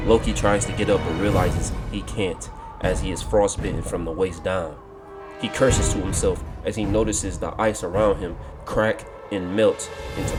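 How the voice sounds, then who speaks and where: A man giving a scripted narration of a game story and walkthrough, steady and explanatory, over clear background music. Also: sits low.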